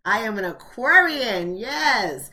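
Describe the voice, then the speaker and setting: An American woman of about forty hosts a live online book club, addressing viewers directly in casual, colloquial speech and repeating phrases for emphasis. Her voice is fairly high, sing-song, pushed and bright, and she takes things slowly.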